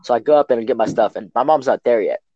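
A man's voice: medium pitch, fast talker, mellow, no room sound, muffled recording. A teenage boy co-hosting a podcast, telling a long rambling story full of fillers and acted quotes in casual chat. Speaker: podcast co-host.

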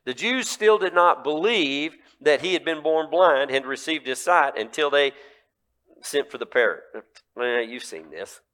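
A male pastor preaching a sermon in a lively, conversational way, full of rhetorical questions. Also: on the high side, measured pace.

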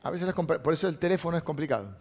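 A man's voice: on the high side, expressive, rapid-fire, darkish tone. A middle-aged man, a pastor giving a conversational sermon, reading scripture aloud and making asides to the congregation.

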